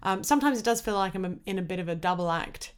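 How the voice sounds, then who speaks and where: Aussie woman comic telling stories on a podcast, clear smooth voice, chatty. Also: mid-range voice, fast. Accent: Australian. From Australia. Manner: chatty, with lively acted-out quotes. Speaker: comedian guest. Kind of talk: casual podcast chat.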